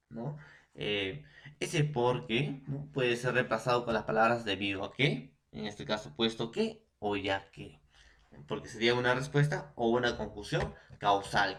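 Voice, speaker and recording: A man's voice: mid-range voice, fairly bright tone. A man with a Peruvian Spanish accent giving a recorded language lesson. He addresses young students directly, repeats points, and checks their understanding often. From Peru. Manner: repetitive, often checks in with "¿no?" and "entonces". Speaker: language teacher.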